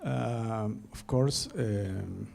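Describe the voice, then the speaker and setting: Panelist: middle-aged man from Bolivia, law professor, gravelly and dark, halting delivery. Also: fairly low pitch, slight background noise. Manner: hesitant, many fillers. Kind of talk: panel presentation.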